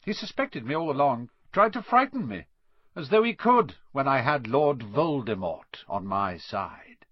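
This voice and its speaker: A man's voice: mid-range voice, sing-song, measured pace, no room sound. A man voicing a scheming male wizard teacher, cold and servile, in an audiobook reading. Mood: scornful. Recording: dull lo-fi dry recording.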